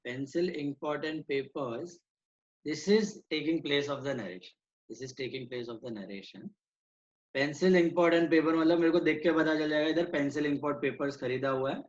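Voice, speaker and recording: A man's voice: a little high, slow, lo-fi sound. A man teaching an online accounts class, switching between Hindi and English and quizzing his students.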